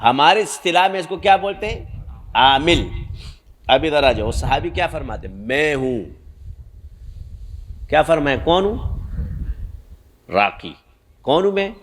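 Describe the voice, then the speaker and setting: A man's voice: on the high side, expressive, long pauses. A man preaching a sermon, scolding and emphatic, who keeps asking rhetorical questions and answering them himself.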